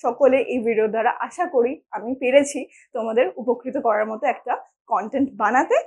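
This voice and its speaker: A woman's voice: a little high, fairly quick, darkish tone, slightly rough. A woman teaching a spoken English lesson, explaining patiently and often checking that her learners follow.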